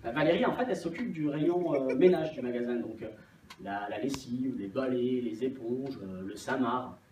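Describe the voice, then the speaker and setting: A man playing a supermarket manager in an improvised comedy sketch, deadpan and often giggling. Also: mid-range voice, moderate pace, voice pushed down, lightly acted. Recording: echoey room recorded from a distance, noisy.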